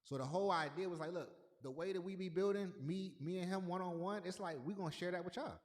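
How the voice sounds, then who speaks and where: A man's voice: sits high, quick pace. A man hosting a livestream in a casual, loose way, often repeating himself and greeting chat viewers by name. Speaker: livestream host. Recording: long echoey reverb.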